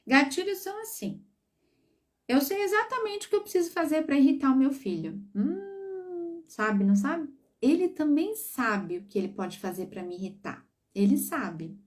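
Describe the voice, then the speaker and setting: A woman's voice: high voice, big pitch swings, normal speed, recorded from a distance. A woman psychologist talking on a live stream, giving parents advice and checking that listeners follow. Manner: warm coaching, checks in with listeners.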